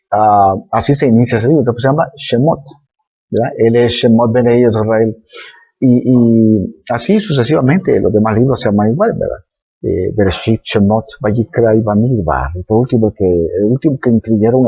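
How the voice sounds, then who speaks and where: A man's voice: mid-range voice, vocal fry, warm tone, slightly rough, dull audio. A man giving a Bible teaching talk, explaining words patiently with many fillers and tag questions.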